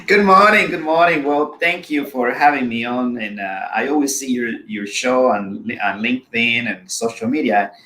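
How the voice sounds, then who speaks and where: A man's voice: mid-range voice, moderate pace, few pauses, bright, forceful tone, roomy sound, a little hiss or hum, low-quality recording. Honduran-accented man telling his story. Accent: Honduran Spanish. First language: Spanish. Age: 40s. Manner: earnest, with frequent fillers. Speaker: guest. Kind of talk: personal storytelling.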